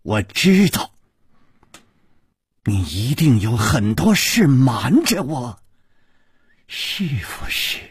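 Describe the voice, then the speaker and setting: A man's voice: big pitch swings, extremely slow, long pauses, breathy edge, no echo, full character voice. A man doing a jealous, shaken young woman. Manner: hushed, shaken, low-voiced.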